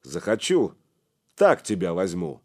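A man voicing a domineering middle-aged merchant, loud and commanding. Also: sits low, huge pitch swings, unhurried, heavily acted.

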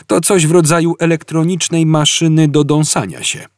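A man's voice: fairly high pitch, little pitch movement, moderate pace, no echo, clean studio sound, pitched above the performer's own voice, lightly acted. A man voicing a flustered, indignant young Englishman who stammers.

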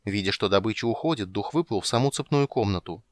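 A man narrating a fantasy audiobook with steady storytelling on a close studio mic. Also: lowish voice, fast, dry recording.

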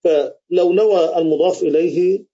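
A man's voice: high-pitched, steady tone, moderate pace, dark tone, breathy edge, muffled recording. A man teaching an Arabic grammar lesson on a video call, quizzing his students and restating each rule. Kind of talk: live online grammar lesson.

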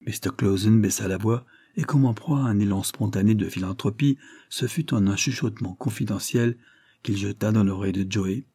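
A man narrating a literary novel in a measured, steady reading. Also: on the low side, husky, no echo, studio quality. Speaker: audiobook narrator.

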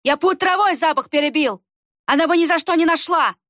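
A woman reading an audiobook voices a cowardly male hunter who shouts angrily. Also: extremely high pitch, fairly even intonation, very fast, no room sound, clean studio sound, voice pushed up. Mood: angry. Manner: angry shouting.

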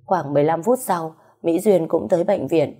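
A woman narrating an audiobook story in a steady, even way. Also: low-pitched, normal speed, breathy edge.

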